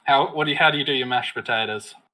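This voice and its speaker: A man's voice: medium pitch, very fast, bright, forceful tone, poor audio. A man co-hosting a casual chat show, rambling with lots of fillers and laughing often. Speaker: co-host.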